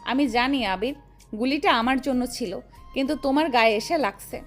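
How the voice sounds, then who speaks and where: A devoted young woman, voiced by a female narrator, speaking softly and slowly in a high, emotional voice. Gentle music plays faintly behind her in this storybook drama. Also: natural voice. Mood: tearful. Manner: soft, emotional, slow. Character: young woman, tearful but fiercely devoted lover. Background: faint background music.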